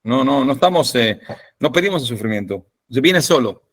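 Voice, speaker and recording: A man's voice: medium pitch, moderate pace. A man teaching a rabbinic class over a video call, speaking informally with jokes and often checking in with "ok?". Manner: animated, asks "ok?" to check understanding. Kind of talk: informal lecture with humor. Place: home or office in Jerusalem.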